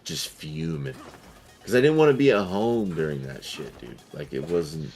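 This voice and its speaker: A man's voice: a bass voice, sing-song, normal speed, a little mellow, soft background music. Profane storytelling man in his forties. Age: 40s. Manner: profane, rambling storyteller who acts out voices. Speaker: streamer. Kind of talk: casual chat while gaming.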